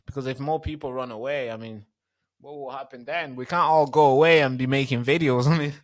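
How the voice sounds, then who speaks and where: A young man hosting a podcast over a remote call, talking in a relaxed, chatty way with frequent restarts. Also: mid-range voice, fairly quick. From born in a refugee camp in Tanzania. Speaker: podcast host. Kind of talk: casual interview chat.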